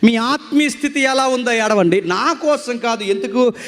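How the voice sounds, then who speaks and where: A male pastor delivers a sermon to his church congregation with a strikingly high voice. He keeps asking rhetorical questions and urging the listeners to answer. His voice rings out with a long reverb trailing through the hall. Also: normal speed, fairly bright tone.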